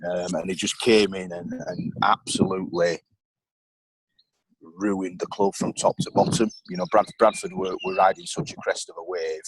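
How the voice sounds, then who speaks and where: A man's voice: low voice, lively intonation, normal speed, slightly rough, no room sound, poor audio. A middle-aged man, a former footballer and board member, candidly telling stories as a podcast guest, rambling with lots of ums and you knows.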